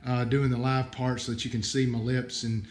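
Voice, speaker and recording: A man's voice: medium pitch, level tone, normal speed, darkish tone. A man with an Appalachian hillbilly accent hosting a livestream, explaining things casually in a folksy, somewhat hesitant way. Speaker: livestream host. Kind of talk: casual live explanation to viewers.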